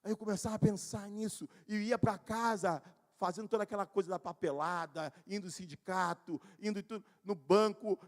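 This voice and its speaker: A male pastor with a rather high voice, preaching live to his church. He tells his stories conversationally, addressing people by name, and pushes into shouted emphasis at key points. His voice rings with the long reverb of a church hall. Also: fairly even intonation, a little fast, hardly any pauses. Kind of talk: live church sermon, personal storytelling.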